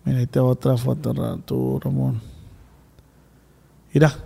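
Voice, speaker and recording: A man's voice: mid-range voice, flat delivery, normal speed, vocal fry, dark tone, breathy edge. A man hosting a casual interview, asking teasing, prodding questions. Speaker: podcast host.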